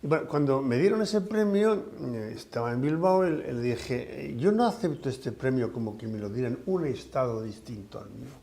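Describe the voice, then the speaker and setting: An older man from the Basque Country, a professor, talking in a relaxed podcast conversation, pausing often with fillers and restarts. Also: mid-range voice, vocal fry. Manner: hesitant, many fillers and restarts.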